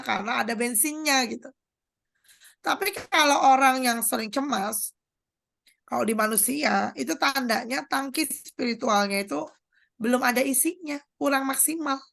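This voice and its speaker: A woman's voice: fairly high pitch, gravelly, fairly bright tone. A woman doctor giving a religious motivational talk, explaining through everyday analogies, acting out quotes and addressing her audience directly.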